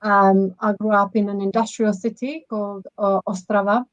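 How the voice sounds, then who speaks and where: A woman's voice: mid-range voice, flat delivery, normal speed, no echo, highs cut off. A woman from the Republic, a guest photographer speaking in a reflective, hesitant way with many fillers. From Czech Republic. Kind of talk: casual interview.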